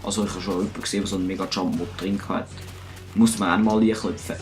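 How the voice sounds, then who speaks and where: A man's voice: sits low, fairly even intonation, fast, soft background music. A man with a Swiss German accent giving casual, chatty commentary over his gameplay, joking at his own mistakes. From Switzerland. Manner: chatty, self-mocking, talks to himself and viewers. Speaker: let's play host.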